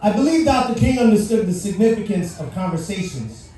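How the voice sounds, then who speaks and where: This middle-aged Haitian man, a native French speaker, gives a motivational speech at a civic event, tossing questions and playful asides to a live crowd. His high, animated voice moves fairly quickly and has a dark tone. The large venue echoes, and the distant mic picks up faint noise.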